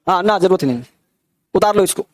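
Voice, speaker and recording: High-voiced man teaching a grammar class. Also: animated. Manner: repeats questions to check understanding; drills examples slowly word by word.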